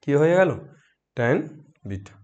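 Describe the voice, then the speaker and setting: Guy teaching math w a sore throat, kinda high voice, talks soft and keeps asking the class stuff. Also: big pitch swings, slow pace, muffled recording. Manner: coaxing, asks students questions, mixes English math terms. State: sore throat, speaking softly. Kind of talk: online math lesson.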